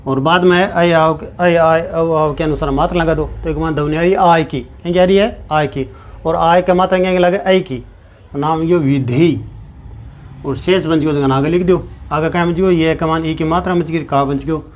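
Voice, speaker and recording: Grammar teacher. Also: male voice, on the high side, normal speed. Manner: repetitive, asks and answers his own questions. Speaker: Sanskrit teacher. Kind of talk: classroom grammar lesson.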